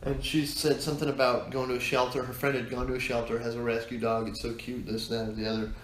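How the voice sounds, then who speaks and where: A man's voice: mid-range voice, flat delivery, fast talker. Rambling man in an echoey room. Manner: rambling, trailing off, restarts. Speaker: podcast co-host. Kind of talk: casual chat, storytelling. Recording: echoey room, faint noise.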